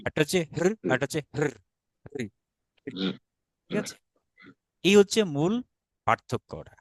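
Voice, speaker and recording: A man's voice: a little high, lively intonation, brisk, dry recording. A man with a Bangladeshi Bengali accent teaching an online Sanskrit class, patient and often checking that students follow.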